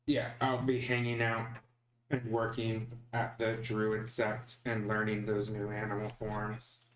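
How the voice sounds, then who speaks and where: A man's voice: on the low side, monotone, measured pace. A man chatting casually as a player in a tabletop role-playing game. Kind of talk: casual chat. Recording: echoey room.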